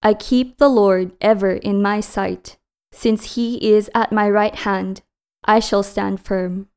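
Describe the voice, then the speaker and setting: Woman, scripture reader, slow pace, crisp resonant voice, solemn, measured liturgical delivery. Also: medium pitch, fairly even intonation, darkish tone. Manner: solemn, measured, carefully phrased. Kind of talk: liturgical scripture and psalm reading.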